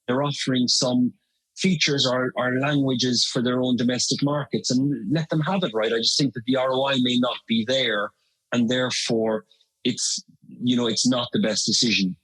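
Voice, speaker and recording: This is a husky, medium-pitched male voice with a fairly bright tone, captured on a low-quality recording. The speaker, a middle-aged man from Ireland, talks conversationally as an interview guest, with many fillers and false starts.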